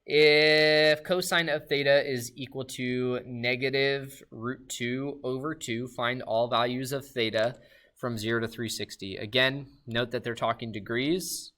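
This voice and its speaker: A man's voice: medium pitch, fairly even intonation, bright, forceful tone. Upbeat man teaching math. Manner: upbeat, talks to students directly with quick questions. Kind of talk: recorded video lesson.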